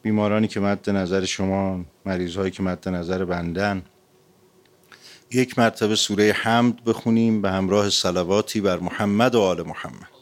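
Low-voiced man preaching a fervent sermon. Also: slight background noise. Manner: fervent, repetitive emphasis, lively story retelling. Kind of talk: religious sermon with storytelling.

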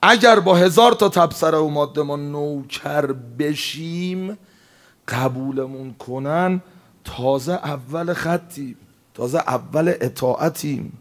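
A man preaching a religious sermon in an impassioned way, rising to emphatic outbursts and dropping low again.

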